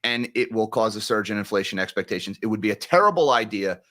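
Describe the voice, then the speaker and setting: A man's voice: on the low side, lively intonation, quick pace, fairly bright tone. Male co-host with a ranting, mocking delivery on a live stream. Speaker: co-host, commentator. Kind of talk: heated live-stream commentary.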